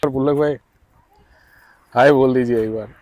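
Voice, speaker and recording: A man's voice: medium pitch, steady tone, moderate pace, a little mellow, no room sound. Chatty man vlogging outdoors. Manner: chatty, cheerful, laughs often. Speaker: travel vlogger. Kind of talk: casual travel vlog. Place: outdoors by a hill road.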